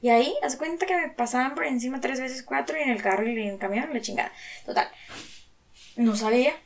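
A young woman with a Mexican Spanish accent tells a personal story in a relaxed chat. Her voice sits a little high, and her talk is full of slang and swearing. She acts out the things she and others said along the way. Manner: slangy and profane, quick to swear. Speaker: guest telling a personal story.

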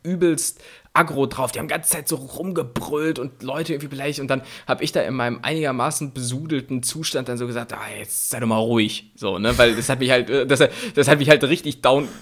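Talking fast in a steady, fairly bright, medium-pitched voice, a young man co-hosts a podcast. He tells meandering anecdotes in slangy, colloquial language.

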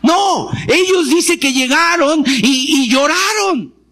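Man, preacher, sermon, impassioned, very high-pitched, bright tone. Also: animated, takes it slowly. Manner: impassioned, shouts during pleas; acts out prayers and quoted pleas.

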